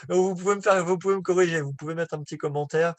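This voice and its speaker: A man's voice: on the high side, fairly even intonation, very fast, no echo. A man giving a live online business lesson in French, hesitant with many fillers and restarts, apologizing for his rusty French. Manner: apologetic about his French, laughs at himself. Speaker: business coach presenting slides.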